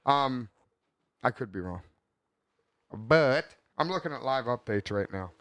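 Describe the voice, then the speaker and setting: A man in his thirties talks over a casual podcast chat, rambling and swearing freely, with a laugh breaking in now and then. His voice sits at an ordinary middle pitch and is recorded close and dry. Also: expressive, a little slow, a bit bright, dry recording. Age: 30s. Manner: rambling, profane, laughs often. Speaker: podcast host.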